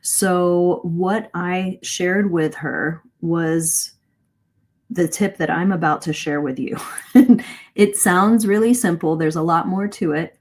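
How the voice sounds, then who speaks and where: Live on a webinar, a middle-aged woman coaches English pronunciation in a lowish, dark-toned voice. Her manner is sincere and chatty, and she often stops mid-sentence to rephrase.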